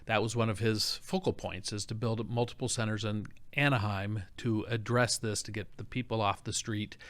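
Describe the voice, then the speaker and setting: A man's voice: lowish voice, flat delivery, moderate pace, fairly bright tone. A man hosting an interview in a conversational style, with informal, wordy recaps leading into his questions. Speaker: interviewer, show host.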